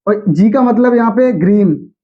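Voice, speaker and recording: A young adult male teacher giving a classroom lecture. He repeats each point back as a question to the students and slowly chants the memory aids. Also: sits high, lively intonation. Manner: slow sing-song chanting of mnemonics. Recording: dull lo-fi sound.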